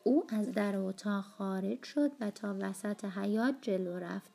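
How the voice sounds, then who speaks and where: A woman narrating an audiobook of a novel in a calm, steady storytelling manner. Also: medium pitch, vocal fry.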